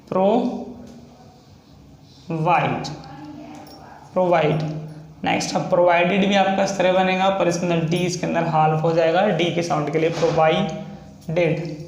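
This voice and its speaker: A man teaching a shorthand lesson, slowly spelling out words stroke by stroke. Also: fairly high pitch, reverberant, slight background noise. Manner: slow, stretches out words as he spells them. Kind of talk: explaining a lesson.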